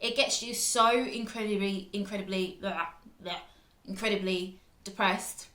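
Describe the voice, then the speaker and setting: A young woman with a British accent tells a storytime vlog in a dramatic, chatty way, full of likes and restarts. Her voice sits at an ordinary middle pitch. It rings with a roomy echo. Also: steady tone, measured pace, pushed and bright. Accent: British English. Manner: dramatic, chatty retelling with frequent fillers. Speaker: vlogger.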